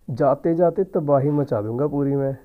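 Hoarse man muttering gameplay commentary. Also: fairly high pitch, lo-fi sound. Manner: muttering running commentary, taunting the game character. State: sore throat. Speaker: gaming YouTuber.

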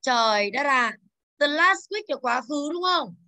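A woman's voice: high-pitched, lively intonation, unhurried, sharp tone. A woman in her thirties from Vietnam, an English teacher going over exercises with her class in a classroom, calling on students by name and drilling pronunciation.

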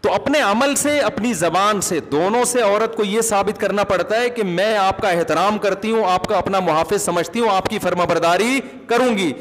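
A man's voice: high voice, normal speed, few pauses, fairly bright tone. A male religious scholar giving a conversational lecture, asking his listeners questions as he talks. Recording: long hall reverb.

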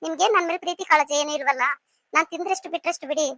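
A sulky, emotional young wife from a cartoon , as a woman puts her on. Her voice is very high and bright, and she speaks at a rapid pace. The recording is close and dry. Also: dry recording. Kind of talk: cartoon voice acting.

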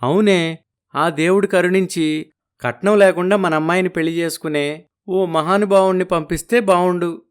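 A man's voice: high voice, fairly even intonation, normal speed, clean tone, close to an everyday voice. A man playing a humble, pleading poor father. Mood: weary. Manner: pleading, respectful. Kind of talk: audio story acting.

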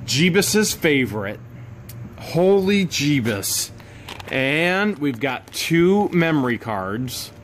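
A man narrating as he digs through boxes from a bought storage unit, casual and chatty, breaking into excited high exclamations over finds. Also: noisy background. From United States. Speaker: storage unit reseller vlogger.

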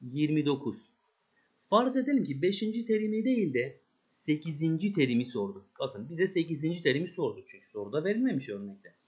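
A man's voice: on the high side, a little fast, highs cut off. A man teaching a math lesson step by step, talking straight to his pupils and asking them questions. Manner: lively, step-by-step, addresses pupils directly.

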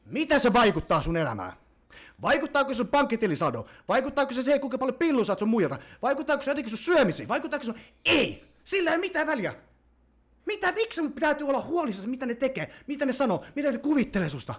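A man's voice: very high voice, sing-song. A man hosting a podcast, ranting heatedly and profanely and mocking people in whiny voices. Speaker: podcast host.

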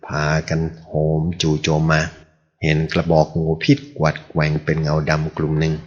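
Deep husky man narrating a novel. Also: normal speed. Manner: steady storytelling reading. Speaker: audiobook narrator. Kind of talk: scripted martial arts novel narration. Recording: muffled lo-fi recording.

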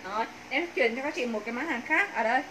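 A woman in her thirties with a Northern Vietnamese accent, giving a persuasive, emphatic sales pitch on a clothing livestream. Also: fast. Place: small indoor clothing shop room. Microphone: phone a few steps away. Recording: roomy echo, faint background noise.

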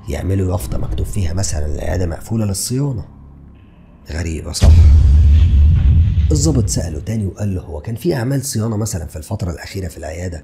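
Speaking into a podcast mic on a stand in front of him, a man in his thirties narrates a true crime story from a small, dark indoor studio. He has an Egyptian Arabic accent and a low, creaky voice, and he poses rhetorical questions to the listener.

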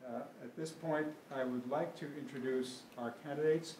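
An older man, the moderator of a public candidates forum, explaining the rules at a podium microphone in a relaxed, halting way with many fillers. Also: mid-range voice. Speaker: event moderator. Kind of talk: opening remarks at a public forum. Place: school meeting room, at a podium. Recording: roomy hall with faint room noise.

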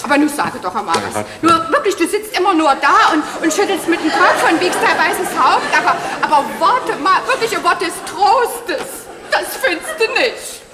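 A woman's voice: very high-pitched, very animated, moderate pace, hardly any pauses, crowd noise. An actress playing a dramatic, self-pitying woman whose partner has left her, in a stage comedy, talking in a breathless, tearful gush. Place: theater stage. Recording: echoey theater hall with audience laughter. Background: audience laughter.

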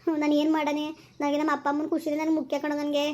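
Woman playing a fretful young village woman; rural Kannada accent, high voice, flat delivery. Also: very fast, lightly acted. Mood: anxious. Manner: fretful, sighs and tuts. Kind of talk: village skit acting.

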